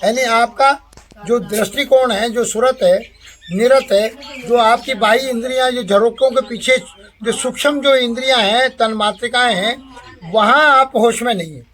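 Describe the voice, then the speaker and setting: A man's voice: extremely high pitch, a bit bright. A man giving a spiritual satsang discourse, explaining each term by repeating and defining it. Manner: slow, explains terms by repeating and defining them. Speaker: spiritual teacher.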